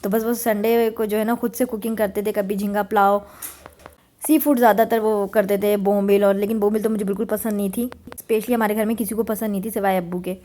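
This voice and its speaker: A woman's voice: mid-range voice, flat delivery, quick pace, warm tone. Chatty woman narrating home cooking. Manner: chatty, homely, mixes English words in. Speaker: cooking vlogger. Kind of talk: casual voice-over narration. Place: home kitchen.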